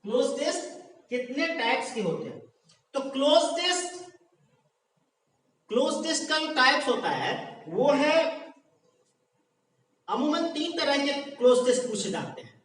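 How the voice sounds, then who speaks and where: Echoey, animated male exam-prep teacher. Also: very high-pitched, unhurried, pauses often. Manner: explains patiently, repeats phrases, asks rhetorical check questions. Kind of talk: exam coaching lesson. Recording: very echoey room, mic far off.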